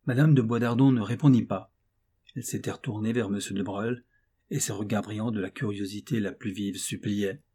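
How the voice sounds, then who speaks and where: Male narrator reading a classic novel, dark and husky timbre, steady and expressive. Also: lowish voice, fairly quick. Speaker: audiobook narrator. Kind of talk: scripted audiobook narration.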